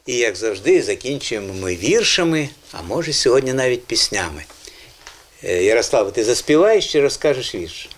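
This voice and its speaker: Lively teacherly male TV host. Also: mid-range voice, normal speed, soft background music. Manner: explanatory, teacherly, encouraging. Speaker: children's language show host. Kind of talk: educational TV presenting. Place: TV studio with children.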